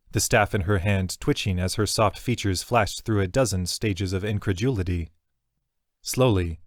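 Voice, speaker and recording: Low-voiced man narrating a fantasy audiobook. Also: dry recording, clean studio sound.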